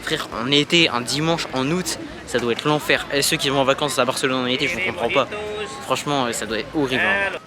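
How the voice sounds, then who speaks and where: A young man talks in a medium-pitched voice to his viewers. His delivery is casual and full of slang, like an informal travel vlog. Music plays clearly behind his speech. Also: brisk. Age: young adult. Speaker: vlogger. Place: mostly outdoors at a seaside city, later inside an apartment.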